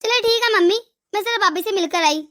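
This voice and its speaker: A woman voicing a caring young sister-in-law in an animated moral story, calm and reassuring. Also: very high voice, a little fast. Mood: friendly.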